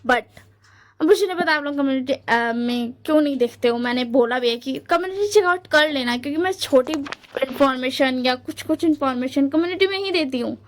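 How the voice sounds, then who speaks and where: A woman's voice: high voice, brisk. A woman casually retelling a fan story, chatty and full of fillers, mixing English words into her talk. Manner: chatty, mixes English into Hindi, filler-heavy.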